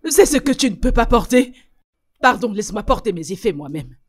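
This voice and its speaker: A woman's voice: mid-range voice, sing-song, a little fast. An actress dubbing a bossy, scolding older mother in a French film dub. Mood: sarcastic. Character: overbearing older mother visiting her son.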